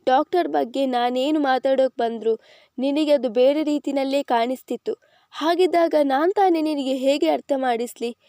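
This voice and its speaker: A woman's voice: high-pitched, moderate pace, warm tone, no room sound, studio quality. A woman voicing a helpless father who questions his crying daughter. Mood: pleading.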